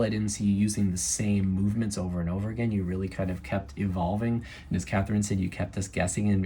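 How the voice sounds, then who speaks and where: A man giving casual, appreciative feedback as a judge, thinking aloud in a halting, searching way. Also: lowish voice, darkish tone, slight background noise.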